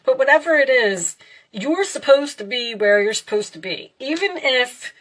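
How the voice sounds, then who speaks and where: Female tarot reader, conversational and reassuring, addressing the listener directly with halting, thinking-aloud phrasing. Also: high-pitched, expressive, fairly bright tone, rough recording. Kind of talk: casual spoken tarot reading.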